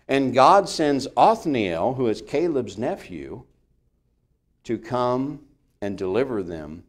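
A male Bible teacher with a lively, swooping voice talks through the old stories in an easygoing way. He jokes with the people in the room and keeps laughing as he goes. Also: medium pitch.

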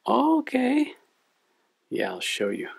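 Creaky-voiced man hosting for children. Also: lowish voice, expressive, normal speed. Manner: friendly explaining to young children. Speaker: children's show host. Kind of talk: puppet show and toy-building commentary.

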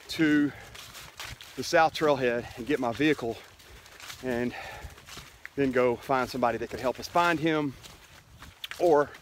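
A middle-aged guy with a mid-range voice hikes a leafy forest trail, talking into the handheld camera he keeps close to his face. It's a casual trail vlog where he explains things plainly as he walks, with a faint woodsy hiss behind him.

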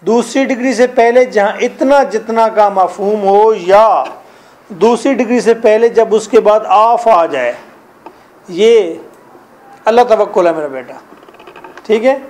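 A man's voice: high-pitched, unhurried, darkish tone. A middle-aged man with a Pakistani accent teaching a classroom English grammar lesson, drilling rules and quizzing his students.

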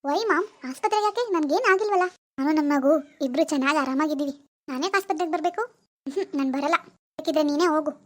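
A woman's voice: high-pitched, fast talker, pitched below the performer's own voice, natural voice. A woman voicing a grieving young woman who believes she is still pregnant, childlike, dreamy and stubborn. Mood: defiant. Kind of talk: animated family drama voice acting.

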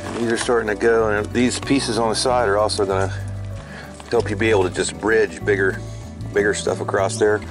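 A Florida man hosts an outdoor cooking channel, chatting his way through each step beside a campsite fire pit in a relaxed, filler-filled how-to style. His pitch is fairly low and he talks a little fast, with music playing beneath his voice.

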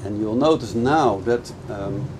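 A man's voice: on the low side, a little slow. A middle-aged man, a boat dealer, gives an enthusiastic, explanatory walkthrough of a boat aboard a moving motorboat. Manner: enthusiastic, explanatory, speaks over engine noise. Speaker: boat dealer giving a product review. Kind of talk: casual product walkthrough. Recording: loud engine and wind noise. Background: boat engine and water noise.

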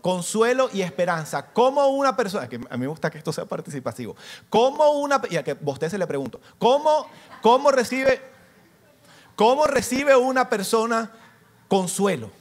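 A man with a fairly high voice gives an interactive church teaching, firing questions at the congregation. He moves from bold, rising calls down to soft, tender passages as he acts out little scenes. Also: big pitch swings, moderate pace. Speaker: pastor.

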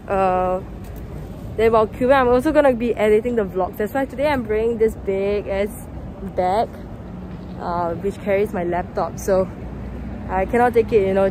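A young woman, chatting upbeat through a face mask as a travel vlogger on busy city streets. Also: mid-range voice. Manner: chatty, upbeat, thinking aloud. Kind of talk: casual vlog chat. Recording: outdoor street noise. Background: street and traffic noise.

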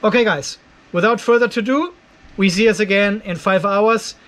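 In a cluttered indoor garage workshop, the older host of an off-grid DIY channel explains things step by step in an easygoing, talkative way for his video. He speaks at a normal speed in a high, slightly bright voice.

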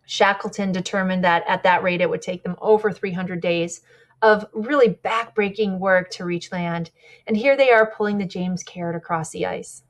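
A woman's voice: on the low side, normal speed. Conversational woman guide giving a talk. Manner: warm, conversational, with small slips and self-corrections. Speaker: polar expedition guide giving a presentation. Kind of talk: presentation lecture with slides.

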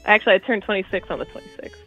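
A woman in her twenties calling in to a show, speaking in a nervous, giggly, soft-spoken way over dull, lo-fi call audio. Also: mid-range voice, lively intonation, racing, soft background music. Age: 20s. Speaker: caller. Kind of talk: phone-in conversation.

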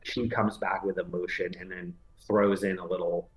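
A man's voice: low voice, flat delivery, normal speed, low-quality recording. A man in his forties, an entertainment news editor, explains a legal story on a video call in a conversational, step-by-step way with many "you know"s. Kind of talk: remote news interview. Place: indoor room with framed poster behind.

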